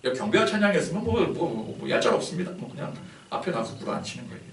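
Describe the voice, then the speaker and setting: A man preaching a sermon in an animated, conversational style, with many fillers. His voice is fairly high and swings widely in pitch. It echoes through a roomy church hall, picked up from a distant mic. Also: fast, creaky, slight background noise. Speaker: pastor.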